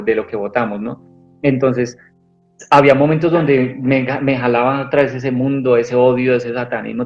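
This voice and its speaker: A man giving an earnest personal testimony in an interview, rambling with many restarts. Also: mid-range voice. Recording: dull lo-fi sound with faint music.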